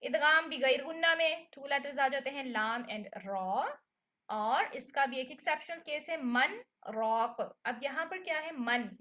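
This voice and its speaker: A woman's voice: sits high, sharp tone, a little hiss or hum. A woman teaching a recitation lesson, explaining patiently and often checking in with her students. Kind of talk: online lesson.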